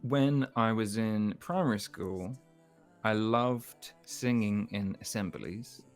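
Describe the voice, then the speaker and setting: Low-voiced guy chatting softly, bit of music faint behind. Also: takes it slowly. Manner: soft-spoken, reflective, stammers and restarts often. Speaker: musician guest. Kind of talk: relaxed interview chat.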